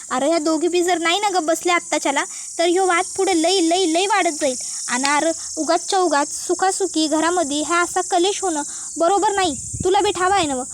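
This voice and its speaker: Brief: woman voicing a pleading, reasoning young daughter-in-law, high-pitched. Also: fairly bright tone, slight background noise.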